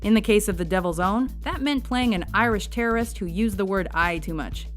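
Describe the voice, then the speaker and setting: A woman's voice: mid-range voice, brisk, soft background music. A woman reading a scripted countdown narration with wry, sarcastic asides.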